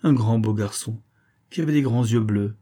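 A man's voice: lowish voice, normal speed, mellow, natural voice. A man reading a novel aloud and voicing a dying woman who confesses to a false testimony, anguished and pleading, repeating words in despair. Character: dying guilt-stricken woman, a former false witness. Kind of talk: audiobook reading.

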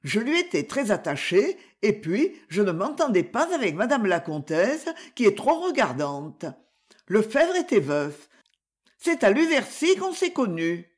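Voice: mid-range voice, very animated, a little slow, pitched above the performer's own voice. A reader voicing an uneasy woman shopkeeper, a former maid, who answers questions anxiously in an audiobook. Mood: explaining. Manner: anxious, pleading.

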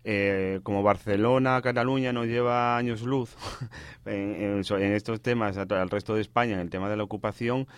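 A man's voice: on the low side, steady tone, clean tone, no echo. A man answering as an activist guest in a radio interview. He halts often, restarting and correcting himself as he talks. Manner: halting, many restarts and self-corrections.

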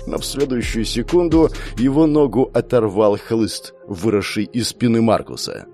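A man reading a dark fantasy story aloud in a measured, even storytelling voice. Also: mid-range voice. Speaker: audiobook narrator. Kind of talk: scripted narration. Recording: dry close mic, faint music.

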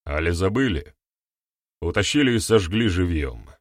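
A man's voice: low-pitched, animated, moderate pace, dry recording, clean studio sound. A man voicing a gloomy, cold older male clan leader who speaks harshly.

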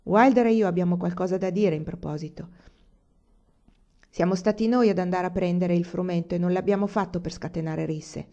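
A woman's voice: fairly low pitch, fairly quick, mellow, close to an everyday voice. A woman voicing a cheerful, plain-spoken young frontier man, in an audiobook reading. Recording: dull lo-fi recording.

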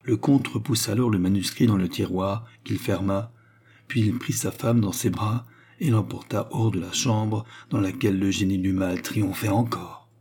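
A man narrating a classic novel as an audiobook, reading in an expressive, dramatic way. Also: lowish voice, normal speed, husky.

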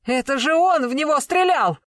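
A cornered middle-aged man accused of murder, as voiced by an audiobook reader. He pleads and protests, his denials climbing into shouts. Dry, close recording with an even middle pitch. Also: normal speed, dry recording, lightly acted. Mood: desperate. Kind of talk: audiobook character reading.

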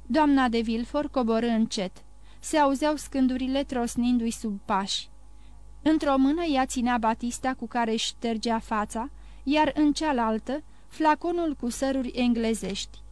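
Woman reading an old novel aloud, measured, bit high voice, dry sound. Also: darkish tone, smooth, dry recording. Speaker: audiobook narrator. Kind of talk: scripted narration of a classic novel.

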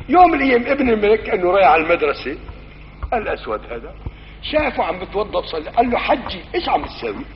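A man's voice: high-pitched, a little hiss or hum. A man with a Syrian Arabic accent teaching a religious lesson, telling stories and acting out the dialogue in shifting voices. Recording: muffled old recording in a reverberant hall.

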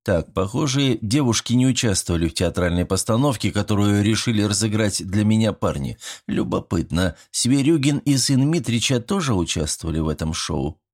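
A low male voice reading a first-person audiobook. The intonation is lively and varied, with a dry, wry tone in the ironic asides. The narration is steady and composed throughout. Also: normal speed, hardly any pauses.

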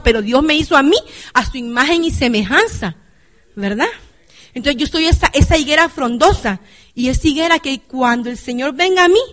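A woman with a high-pitched voice delivers a sermon to her congregation. She turns to the listeners again and again, asking whether they follow and calling them brother and sister. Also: fairly bright tone. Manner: keeps asking the congregation "right?". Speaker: lay preacher. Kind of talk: church sermon.

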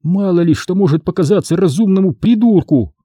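A woman's voice: fairly low pitch, expressive, brisk, warm tone, husky, dry recording, clean studio sound, pitched above the performer's own voice. A man voicing a fierce, loyal young woman in an audiobook, pleading and scornful by turns. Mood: heated. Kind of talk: audiobook character voice.

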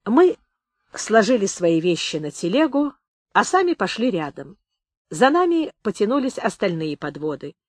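A woman reading a memoir aloud as an audiobook narrator, expressive and measured. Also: medium pitch, dry recording, clean studio sound.

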